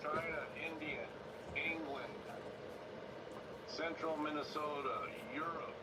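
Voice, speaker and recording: A man off to the side reading out viewer comments on a livestream in a flat voice. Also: fairly high pitch, slow. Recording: distant off-mic voice with loud background noise.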